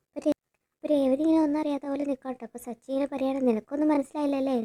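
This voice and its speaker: A woman's voice: high voice, mellow. A woman in casual, chatty narration, retelling a TV serial episode scene by scene. She keeps adding a tag word to her sentences and often restarts a word mid-sentence. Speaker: serial recap host.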